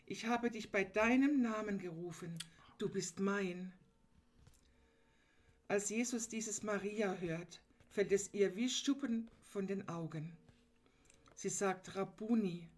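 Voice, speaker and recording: A woman delivering a sermon in an earnest, emphatic way, retelling the story and then speaking straight to her listeners. Her voice sits at an ordinary middle pitch for a woman. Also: a little mellow. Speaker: preacher.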